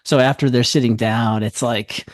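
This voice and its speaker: A man's voice: mid-range voice, fairly even intonation, moderate pace, no echo, clean studio sound. A man in a casual chat, agreeable and explanatory, repeating phrases as he makes his point. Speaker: teacher.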